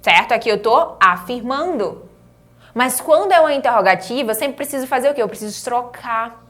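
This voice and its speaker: A Brazilian woman with a fairly high voice leads an online English lesson in Portuguese. She spells out each example phrase slowly, has students repeat it, and checks in with short "right?" tags. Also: lively intonation, fairly bright tone. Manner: models English phrases slowly, then prompts repetition; encouraging, checks understanding with "tá?" and "certo?". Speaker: English teacher.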